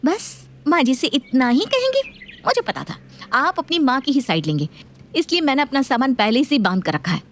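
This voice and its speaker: A woman's voice: high voice, big pitch swings, moderate pace, background noise, voice pushed up. A woman voicing a touchy, defiant young daughter-in-law who argues back indignantly. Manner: indignant, argumentative.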